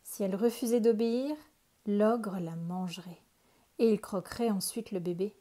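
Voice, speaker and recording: A woman calmly reading a children's picture book aloud. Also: medium pitch. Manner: calm, unhurried storytelling. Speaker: storyteller.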